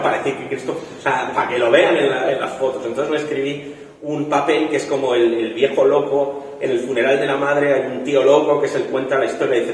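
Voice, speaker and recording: Young adult Spanish director, animated storyteller, heard from across a reverberant hall. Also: male voice, mid-range voice, a little hiss or hum. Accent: Spain. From Spain. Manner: animated storytelling, acting out quoted voices. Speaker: film director. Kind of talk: festival talk. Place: large echoey hall. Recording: echoey hall from far off.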